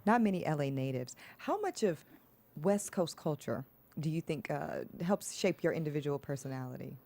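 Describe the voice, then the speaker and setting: A woman co-hosts a casual interview. Her voice is a bit low and swings animatedly as she chats and chimes in with agreement. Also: sing-song, moderate pace, warm tone. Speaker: interview co-host.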